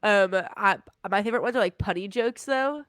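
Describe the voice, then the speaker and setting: A woman co-hosting a casual podcast with a nasal voice, playful and quick to laugh. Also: medium pitch, fairly bright tone, dry recording, studio quality. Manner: playful, laughs easily, tells puns. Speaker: podcast co-host. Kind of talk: casual chat.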